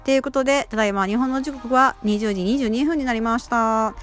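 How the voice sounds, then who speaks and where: A woman's voice: fairly high pitch, fairly quick, soft background music. A woman hosting her own casual solo talk show on a radio app, chatting in a rambling, self-deprecating way with many fillers. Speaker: amateur radio-app host.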